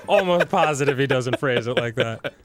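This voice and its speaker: A man's voice: medium pitch, animated, moderate pace, heavy background noise. A man chatting in a comic gaming show, amused and laughing along.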